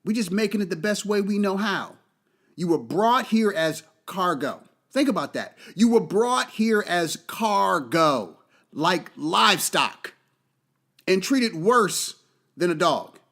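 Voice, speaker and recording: A man with a high voice gives an impassioned monologue as a podcast host. His pitch swings widely as he hammers his points home. He swears freely and repeats phrases for force. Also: fairly bright tone. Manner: emphatic, profane, repeats key phrases for force.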